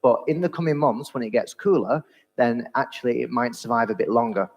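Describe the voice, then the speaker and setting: Host/judge, male, measured and courteous, voice swimming in a long booming hall echo. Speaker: host and judge of a school pitch event. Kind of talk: formal feedback and introductions. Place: large echoing hall. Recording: reverberant hall recording.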